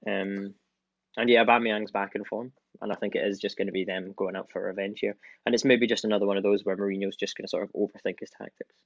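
A man's voice: fairly low pitch, little pitch movement, quick pace, creaky, no echo. A man on a football podcast, talking confidently through his tips on a dull, lo-fi mic. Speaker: podcast panelist. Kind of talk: casual football chat.

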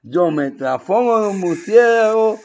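A comic guest improvises a sketch as a bragging, long-winded old male vampire, giggling and breaking into squeaky shouts. His delivery is expressive and unhurried, and there's noise in the background.

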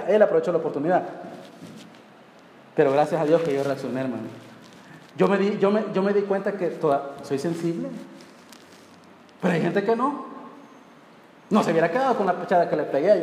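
A man's voice: fairly high pitch, lively intonation, fairly quick, pauses often, a little mellow. A man preaching a sermon as pastor, emphatic and drawn out with colloquial asides. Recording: echoey church hall with faint noise.

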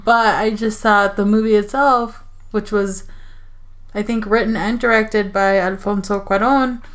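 A young adult woman from the Mexico border area chats casually about a film in a medium-pitched voice, speaking a little slowly with fairly even intonation. She sounds hesitant, using lots of "like"s and restarts.

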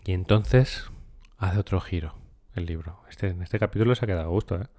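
Deep calm man. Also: dry recording. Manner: calm, unhurried. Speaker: podcast host and trainer. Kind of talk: casual podcast monologue on a book.

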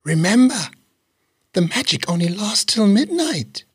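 Storybook read-aloud: a woman lowering her voice for a husky, sing-song fairy godmother. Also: big pitch swings, unhurried, no room sound, clean studio sound, exaggerated voice. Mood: solemn. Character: fairy godmother and herald, calm and solemn.

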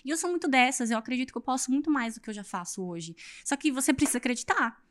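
Woman, fitness coach, podcast guest, motivational, emphatic, quick talker, fairly high pitch. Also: animated. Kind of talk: casual podcast chat.

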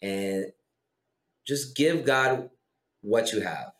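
A man's voice: lowish voice, lively intonation, drawn-out words, fairly bright tone. A young adult man, a podcast guest, talking earnestly and encouragingly about faith and foster care. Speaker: guest, former foster youth. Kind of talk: casual podcast conversation. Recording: roomy echo.

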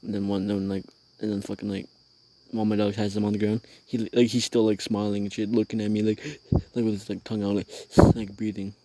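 A man's voice: on the low side, little pitch movement, fast, warm tone, slight background noise. A man hosting his own show, telling a rambling, profane story in casual slang while sitting outdoors at night. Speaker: podcast host.

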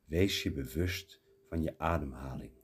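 A man guiding a mindfulness meditation, giving calm, unhurried breathing instructions with long pauses. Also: very deep voice, a little hiss or hum. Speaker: meditation guide.

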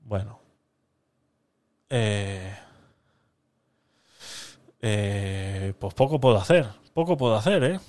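A man's voice: fairly low pitch, slow pace, long pauses, darkish tone. A man hosting a live-stream podcast, chatting casually with viewers while he talks himself through a giveaway. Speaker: livestream podcast host.

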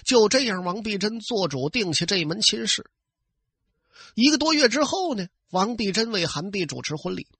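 A man spins an old tale in traditional storytelling style, his high, bright voice leaping about as he chats to his listeners. There is a husky grain to it. The sound is dry and close. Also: moderate pace, no room sound. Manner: lively, conversational, addressing listeners.

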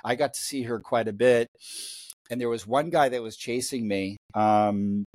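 A man in his fifties talks as a podcast guest, in a rambling, halting way full of restarts. His voice sits at an ordinary middle pitch. The sound is dry and close, with no room around it. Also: steady tone, darkish tone, no echo. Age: 50s. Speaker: guest athlete. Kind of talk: casual podcast storytelling.

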